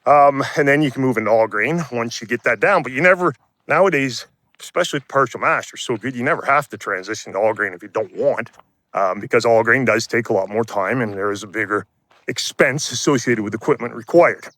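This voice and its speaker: A man's voice: medium pitch, fairly quick, a bit bright. A man who runs a brew pub, talking casually and bluntly while walking and breathing hard, with loose rambling restarts and some swearing. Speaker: homebrewing vlogger and brew pub owner.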